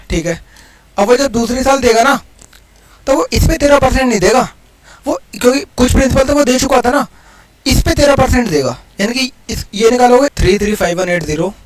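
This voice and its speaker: A high-voiced man talks through a maths problem like a casual lesson. He explains each step aloud and rattles off digits as he works. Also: slight background noise, poor audio. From India. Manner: chatty, explains steps aloud, counts digits quickly. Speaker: maths teacher. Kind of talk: casual exam-prep lesson.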